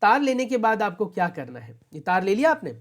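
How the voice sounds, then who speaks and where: A woman's voice: mid-range voice, sing-song, a little fast. A woman teacher explaining a school science lesson, calling her students "beta" and repeating each question and answer.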